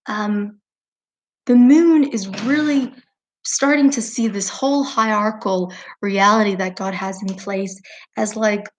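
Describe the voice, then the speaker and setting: A woman's voice: mid-range voice, fairly even intonation, unhurried. A woman teaching a lesson by retelling an old story in a chatty, informal way with frequent fillers.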